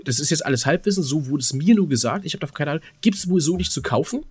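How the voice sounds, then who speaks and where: A fast-talking 27-year-old man with a slightly high, slightly rough voice and lively intonation co-hosts a podcast without echo. He tells anecdotes casually, rambling and repeating words as he searches for them.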